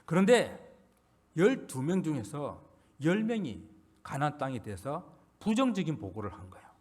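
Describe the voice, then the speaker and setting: Animated Korean pastor preaching a sermon. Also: male voice, normal speed, husky. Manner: earnest preaching with rising emphasis and trailing low endings. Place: church sanctuary.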